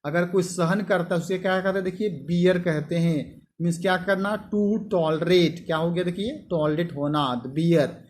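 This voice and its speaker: A man's voice: high voice, moderate pace. A man teaching English vocabulary, who spells words letter by letter and keeps asking his students questions that he then answers himself. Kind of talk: explaining word meanings to students.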